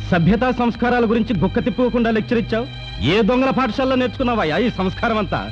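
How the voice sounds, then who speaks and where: A furious, sarcastic creditor in an old film comedy, scolding in a high, rapid voice. The audio is dull, with music behind him. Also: male voice. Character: angry male creditor threatening a cheat.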